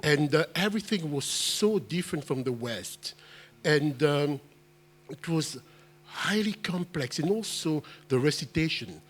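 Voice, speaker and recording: A musician raised in France and Belgium tells his story on a panel. He speaks earnestly and with animation but keeps halting and restarting, in a voice that is a little high and slightly rough.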